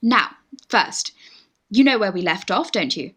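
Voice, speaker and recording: A British-accented woman plays an eager young Victorian lady in love in a radio farce, acting the stage-farce role in a genteel, pleading manner. Her medium-pitched voice is expressive and unhurried, a bit bright, with a breathy edge.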